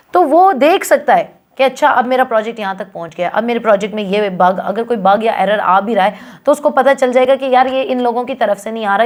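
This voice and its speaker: A young woman teaching an online lesson, explaining points through acted client dialogues and slipping English phrases into her Hindi-Urdu. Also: mid-range voice. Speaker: freelancing skills instructor.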